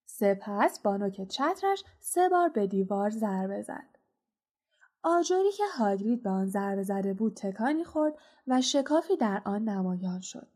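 A woman narrating an audiobook in a steady, measured reading voice. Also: medium pitch. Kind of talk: storybook narration.

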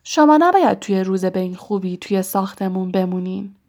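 A woman voicing a cold, sneering male schoolmaster who speaks in a smooth, oily, threatening way in a storybook reading. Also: mid-range voice, lively intonation, darkish tone, close to an everyday voice. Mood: menacing.

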